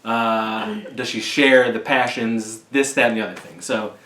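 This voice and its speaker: A man in his forties talks casually to camera as host. He is jokey and halting, unhurried, with a roomy echo around his voice. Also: fairly low pitch, fairly even intonation, fairly bright tone. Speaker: video host. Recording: echoey room.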